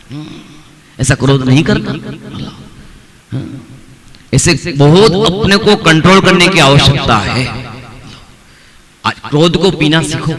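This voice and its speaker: Preaching man with a crowd behind. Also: a little high. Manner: conversational preaching, addresses listeners by name, repeats phrases for emphasis. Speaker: pandit giving a religious discourse. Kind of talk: sermon. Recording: noisy crowd in the background.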